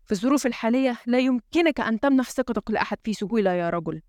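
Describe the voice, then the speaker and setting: A woman's voice: a little high, animated, rapid-fire, darkish tone, no room sound, studio quality, natural voice. A woman reading an audiobook, voicing a frustrated male president who gives urgent orders. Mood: tense. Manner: urgent, commanding. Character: tense, frustrated male head of state.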